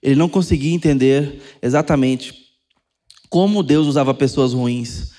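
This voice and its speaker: Brazilian pastor preaching with shifting emphasis. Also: male voice, medium pitch, normal speed. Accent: Brazilian Portuguese. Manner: conversational preaching, swings between soft asides and emphatic rises. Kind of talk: sermon. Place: church sanctuary.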